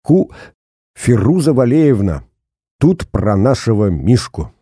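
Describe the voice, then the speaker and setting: A man's voice: medium pitch, sing-song, takes it slowly, dark tone, slightly rough, dry recording, clean studio sound, voice pushed up, exaggerated voice. A man reading an audiobook, voicing a cheeky, boastful teenage schoolboy in a raised, brash tone. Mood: cocky. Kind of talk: audiobook character voice.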